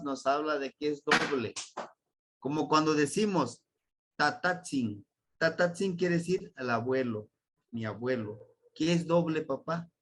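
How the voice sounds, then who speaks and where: A man from Mexico with a Mexican Spanish accent, teaching a language class and patiently spelling out sounds and words. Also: fairly high pitch. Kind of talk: slow classroom explanation.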